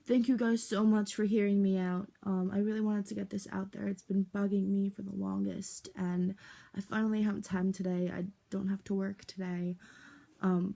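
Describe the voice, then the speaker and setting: A young woman in her late teens telling her life story on a home vlog, candid and halting, with many fillers and restarts. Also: mid-range voice, gravelly, dark tone. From United States. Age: young adult. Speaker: vlogger.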